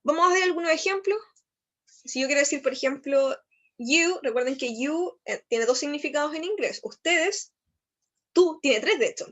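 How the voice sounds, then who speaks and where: Chilean woman, English teacher, high voice, keeps asking "¿ya?" as she explains, slows down on the English examples. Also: fairly bright tone. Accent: Chilean Spanish. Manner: explanatory, frequent "¿ya?" checks. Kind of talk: recorded online lesson.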